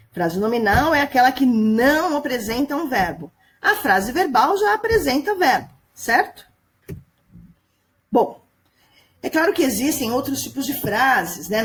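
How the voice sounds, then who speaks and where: A woman teaching grammar in a patient, explanatory way, checking in with her students over and over. Her voice sits fairly high and swings widely in pitch. A faint hiss of background noise sits under the recording. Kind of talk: screen-recorded grammar lesson. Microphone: computer mic at home screen recording.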